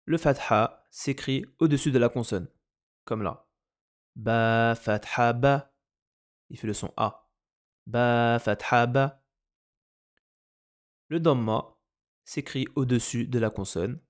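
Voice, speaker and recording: A man teaching a lesson, speaking slowly and deliberately and repeating each example word. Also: medium pitch. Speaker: Arabic language teacher. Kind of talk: explaining Arabic grammar in French.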